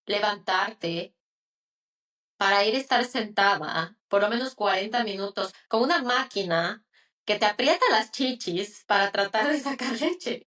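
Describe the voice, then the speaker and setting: A woman's voice: medium pitch, fairly bright tone. Female co-host, casual and emphatic, slightly distant mic. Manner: emphatic, addressing listeners directly. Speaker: podcast co-host. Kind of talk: casual chat.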